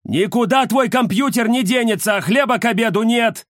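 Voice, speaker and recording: A man voicing a nagging old grandfather shouting from another room. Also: very high voice, normal speed, no echo, clean studio sound, voice pushed up.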